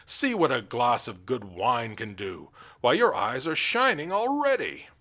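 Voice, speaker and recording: A man's voice: huge pitch swings, measured pace, bright, forceful tone, full character voice. A man voicing a blustering, cruel fat king who mocks and bullies his jester. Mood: mocking. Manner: booming, mocking, bullying.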